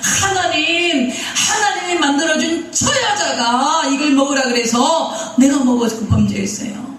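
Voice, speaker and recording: A defensive man pleads and shifts the blame in a high, whiny voice, acted out by a woman preacher. The words come slow and stretched. It all rings from a distance in a very echoey hall. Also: fairly bright tone. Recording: echoey sanctuary heard from far off.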